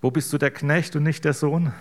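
A man's voice: fairly high pitch, fairly even intonation, moderate pace. A middle-aged man preaching a conversational sermon, chatty and informal, often ending phrases with a questioning tag to the congregation. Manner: casual, keeps adding "ne?" to draw in listeners.

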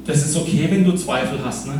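A man preaching a casual sermon, his voice set back from the microphone and ringing around a very echoey hall. He talks to the congregation informally, checking in with them constantly. Room noise sits clearly underneath him. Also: a little high, brisk. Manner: conversational, keeps adding "ne?". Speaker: pastor. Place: church hall. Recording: echoey hall, far from the mic.

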